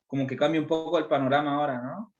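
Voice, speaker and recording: A man's voice: fairly high pitch, steady tone, fast talker, highs cut off. A man from Chile preaching a Bible study sermon, explaining word meanings and asking listeners rhetorical questions.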